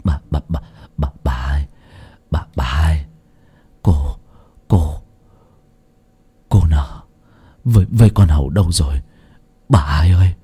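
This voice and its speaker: A man voicing a terrified young village man who stammers in a shaky, hushed voice. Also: very deep voice, slow, pauses often, slightly rough, pitched below the performer's own voice, heavily acted. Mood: trembling.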